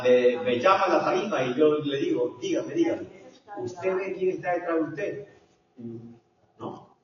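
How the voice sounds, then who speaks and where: An older man preaching a sermon as a pastor, swinging from hushed storytelling to shouted preaching. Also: fairly high pitch. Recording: echoey hall, distant dull mic.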